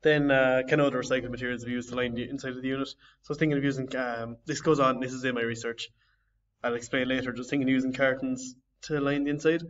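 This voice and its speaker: A young man presents his design project, often pausing and restarting as he searches for words. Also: medium pitch, fairly even intonation. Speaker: design student. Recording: slightly distant, dull lo-fi audio.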